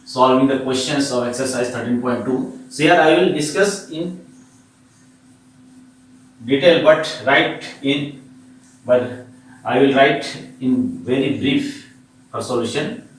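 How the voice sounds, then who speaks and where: A man's voice: mid-range voice, takes it slowly, pauses often. A man with an Indian accent teaching a maths lesson step by step, repeating himself and posing questions that he answers himself. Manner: repetitive, poses questions and answers them himself. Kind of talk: classroom lesson, explaining step by step. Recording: echoey room, distant mic, faint noise.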